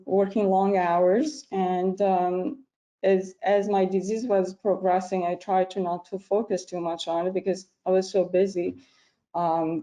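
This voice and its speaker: A middle-aged woman from Iran, a physician, giving an earnest personal talk over a video call, pausing often with ums. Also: mid-range voice, mellow, highs cut off. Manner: earnest, halting with frequent ums. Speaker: physician speaker.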